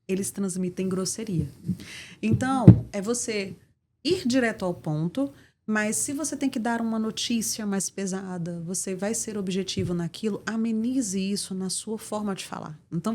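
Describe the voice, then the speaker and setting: A middle-aged Brazilian woman with a Brazilian Portuguese accent speaks in a mid-range, slightly mellow voice. Appearing as an interview guest, this communication mentor explains her points assertively and didactically, driving them home with emphatic examples.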